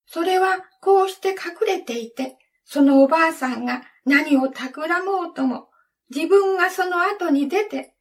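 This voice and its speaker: A woman reads a fairy tale aloud in a very high, gentle voice. She takes her time over every phrase with a slow, measured delivery. The mic sits some way off from her. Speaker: storyteller. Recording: distant from the mic.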